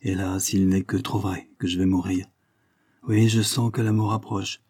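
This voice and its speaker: A man's voice: low-pitched, flat delivery, normal speed, darkish tone, slightly rough, dry recording, studio quality. A man reading the part of a dying young man, weak and mournful.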